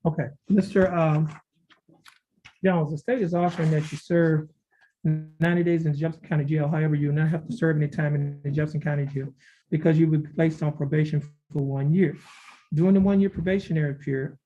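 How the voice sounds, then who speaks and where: A male judge conducting a formal plea hearing in a courtroom recording, reading documents aloud in a measured, formal way. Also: fairly high pitch, steady tone, warm tone. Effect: courtroom recording heard over a video call. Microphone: video call. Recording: dull lo-fi courtroom audio with faint hiss.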